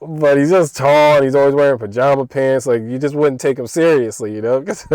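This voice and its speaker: A young man telling a story from his job in a casual, slangy way, laughing as he talks and getting loud as he acts out the scenes. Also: medium pitch, a little fast, no room sound, poor audio. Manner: animated, slangy, laughs while telling, loud when retelling. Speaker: vlogger.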